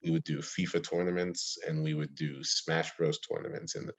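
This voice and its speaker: A man's voice: a bass voice, steady tone, normal speed. A young man from Ohio, a podcast guest on a video call, telling stories eagerly with many fillers. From Ohio, USA. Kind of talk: casual interview chat. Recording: dull lo-fi call audio.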